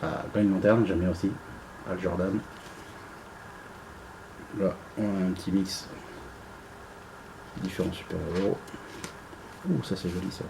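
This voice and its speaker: A man's voice: sits low, fairly even intonation, measured pace, creaky, pauses often, background noise. A man giving casual unboxing commentary, rambling and hesitant with many fillers. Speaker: unboxing vlogger.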